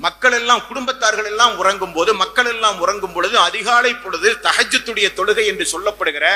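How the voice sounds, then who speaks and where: Preaching with fervor, this Islamic preacher from Tamil Nadu, India, repeats phrases and poses rhetorical questions. He speaks in a high, pushed, bright voice, with long hall reverb trailing his words.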